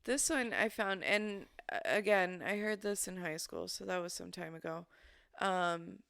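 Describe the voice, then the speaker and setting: A woman's voice: on the low side, unhurried, creaky, fairly bright tone, dry recording, studio quality. A young woman co-hosting a podcast, cracking profane jokes and telling stories in a casual way. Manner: wisecracking, jokey and profane. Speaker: podcast co-host. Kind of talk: casual chat.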